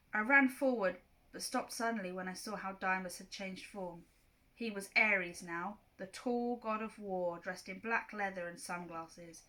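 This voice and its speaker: A woman teacher reads a novel aloud to her class, narrating with lively storytelling. Her voice is bright and clear. She lets the action scenes rise and fall as she goes. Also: mid-range voice.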